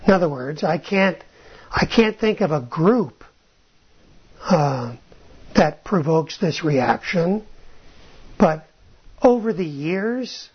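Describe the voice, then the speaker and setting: A mid-range voice with a breathy edge belongs to a Bible teacher who speaks slowly and animatedly, with long pauses. Talking informally, he restarts phrases, thinks out loud, and ends points with a questioning "right?" The recording sounds dull and lo-fi.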